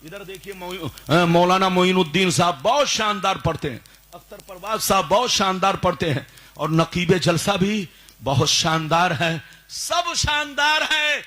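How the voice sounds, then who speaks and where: A male Islamic preacher giving a sermon at a live religious gathering. He keeps calling on the crowd to answer loudly and slips into a sung chant on some phrases. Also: high-pitched, lively intonation, unhurried.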